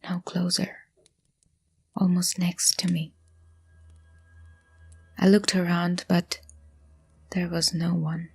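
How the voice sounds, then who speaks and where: A woman narrating a scary story in a hushed voice, often dropping to a whisper. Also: fairly low pitch, level tone, slow, long pauses, slightly rough, soft background music. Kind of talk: scripted horror story narration.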